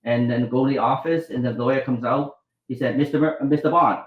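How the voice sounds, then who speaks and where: A slightly fast, mid-range male voice belongs to a middle-aged Vietnamese doctor and author recounting his life as an interview guest. He drifts between points, restarts frequently, and acts out what people said. The sound is reverberant and phone-like.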